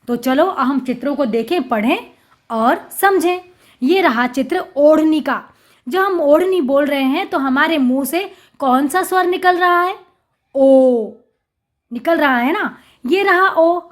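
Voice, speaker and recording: A woman teacher explains a reading lesson to young children. She speaks very slowly and breaks each word into syllables before saying it whole with emphasis. Her voice is high and bright, and she stays patient throughout. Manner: slow, drawn-out syllables with emphatic repeats. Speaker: primary school Hindi teacher.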